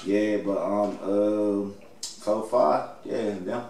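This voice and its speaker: Deep-voiced man with a DC accent. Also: steady tone, very slow, vocal fry, darkish tone. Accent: Washington DC area. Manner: slangy, with "you know what I'm saying" as a constant verbal tic. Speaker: interviewed rapper. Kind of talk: casual interview chat. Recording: echoey room, distant mic, faint noise.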